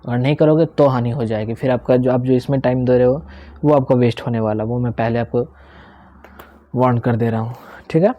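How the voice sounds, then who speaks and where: The recording is muffled and has no room sound. A young man speaks at a brisk clip in a steady, medium-pitched voice, teaching English pronunciation in Hindi with some English; he explains step by step, repeats key words, and checks in often with "theek hai".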